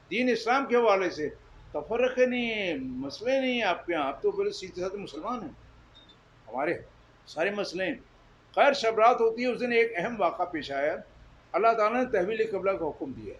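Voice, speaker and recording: A man with a high voice preaches a sermon. He is emphatic and often turns to the listeners with questions. Faint background noise sits under his voice. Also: poor audio. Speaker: Islamic preacher. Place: Jeddah.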